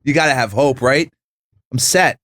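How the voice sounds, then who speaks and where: A man's voice: medium pitch, moderate pace, fairly bright tone, dry recording. A man who is a regular on a radio show, joking and laughing at himself in casual banter. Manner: jokey, laughing, self-mocking.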